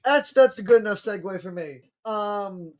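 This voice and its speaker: Brief: male co-host, high voice, jokey and rambling, cuts himself off mid-thought. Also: normal speed. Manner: rambling, self-interrupting, jokey. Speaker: junior paleontologist co-host. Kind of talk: casual group chat.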